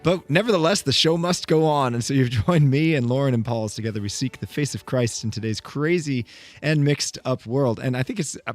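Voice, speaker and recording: Hoarse priest hosting a podcast. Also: male voice, mid-range voice, dry recording. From Maryland. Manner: light-hearted, chuckles while talking. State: hoarse from a head cold. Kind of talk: casual podcast chat.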